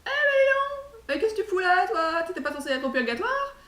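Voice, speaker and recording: A woman voicing a gatekeeper saint, loud and scolding. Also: very high voice, very animated, brisk, voice pushed up, full character voice. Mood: indignant. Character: gruff older male gatekeeper saint, scolding. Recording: echoey room, far mic, faint hiss.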